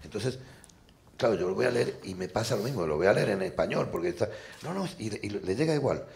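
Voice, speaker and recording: Man from Argentina, book fair panelist, quick raspy storyteller. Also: lowish voice, lively intonation, darkish tone. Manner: storytelling with quoted voices, quick and rambling. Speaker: novelist and poet, panel guest. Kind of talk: casual panel anecdotes.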